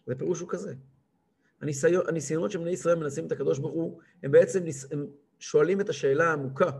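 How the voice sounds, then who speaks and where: A man in his thirties, a rabbi giving a lively weekly lesson, who acts out a cantor's chanting and scolds him. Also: on the high side, creaky, husky. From Israel. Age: 30s. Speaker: rabbi teaching a weekly class.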